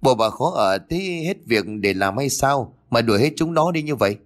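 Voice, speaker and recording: A man voicing a hot-tempered middle-aged landowner who shouts and curses at his servants. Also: mid-range voice, expressive, moderate pace, natural voice. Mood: angry shouting. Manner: shouting, cursing.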